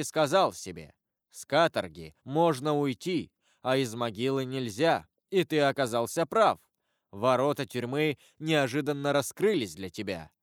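A man voicing a stern, solemn avenger disguised as a priest, speaking gravely and in measured sermons. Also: medium pitch, no echo, clean studio sound, natural voice.

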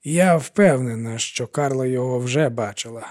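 A man's voice: mid-range voice, normal speed, a little mellow, natural voice. A man voicing a frightened elderly woman who speaks politely and holds herself back. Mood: restrained. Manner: restrained, polite, anxious.

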